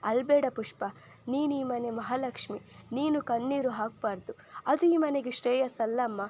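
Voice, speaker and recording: A woman voicing a kind elderly mother-in-law who speaks gently and soothingly. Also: high voice, normal speed, slight background noise, natural voice. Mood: consoling.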